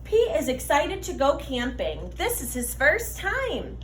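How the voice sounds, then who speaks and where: A woman reading a children's picture book aloud in an animated, deliberate way for young listeners. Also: sits high, reverberant, a little hiss or hum. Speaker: read-aloud storyteller for children.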